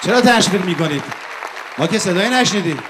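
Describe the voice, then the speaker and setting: Man, stage host, teasing straight man, higher voice, faint crowd and noise. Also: expressive. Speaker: stage host of comedy sketch. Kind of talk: stage comedy sketch. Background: live audience.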